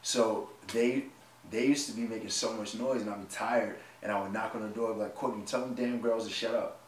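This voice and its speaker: A man in his late twenties chats casually on a vlog, joking around and laughing often as he tells stories. His voice sits a little low. It was recorded from a distance in an echoey room with a faint hiss behind it. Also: steady tone, a little fast. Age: 20s. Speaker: vlog co-host. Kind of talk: casual chat.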